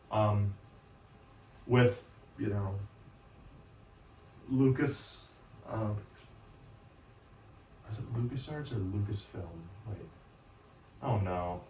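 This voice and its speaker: Hoarse man rambling with roomy echo. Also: lowish voice, a little mellow, a little hiss or hum. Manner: rambling, self-deprecating, full of fillers. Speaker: gaming channel host. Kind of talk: casual gameplay chat. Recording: roomy echo, distant mic.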